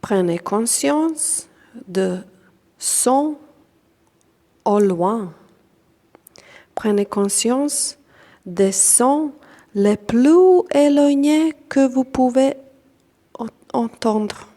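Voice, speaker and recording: Long pauses follow each short phrase as a woman instructor guides a yoga nidra meditation in French with a non-native accent. She sounds calm and deliberate, with a fairly high pitch.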